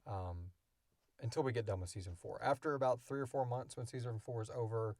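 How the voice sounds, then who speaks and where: Speaking fairly quickly in a medium-pitched, slightly mellow voice, a male podcast co-creator and co-host explains things in a loose, rambling way during a casual unscripted Q&A. The audio is clean studio sound with no room sound.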